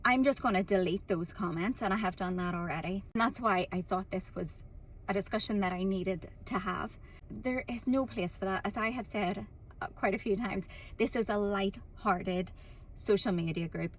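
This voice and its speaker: A woman with a Belfast accent speaks straight to camera in a mid-range voice, earnest and firm as she presses her points home. She sits a little back from the microphone, so the sound is slightly distant. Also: medium pitch. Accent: Northern Irish, Belfast. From Northern Ireland. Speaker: vlogger. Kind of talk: casual talk to camera.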